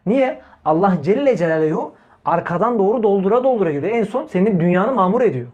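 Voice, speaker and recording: A man's voice: sits high, lively intonation, quick pace, a little mellow, muffled recording. A man preaching in an informal religious talk, speaking emphatically, repeating key phrases, asking rhetorical questions and addressing his listeners directly as brothers. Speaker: Islamic preacher.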